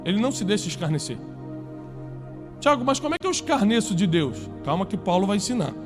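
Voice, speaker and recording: A man preaching to a live congregation in a high, ringing voice. He speaks emphatically, swinging between loud climaxes and low, quiet stretches. Soft music plays faintly underneath. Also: big pitch swings, fast. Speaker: pastor.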